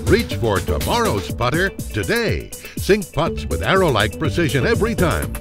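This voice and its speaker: A man reading a scripted infomercial voice-over as an announcer, with an emphatic sales pitch delivery. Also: huge pitch swings, normal speed, over music. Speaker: commercial announcer.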